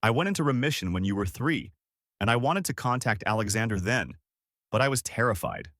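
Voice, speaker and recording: A man's voice: medium pitch, animated, a little fast, a bit bright, no room sound, clean studio sound, natural voice. A man voicing a frail dying mother who pleads through tears, in a storybook reading. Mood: desperate. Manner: pleading, breaking with emotion. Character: dying young mother, weak and tearful.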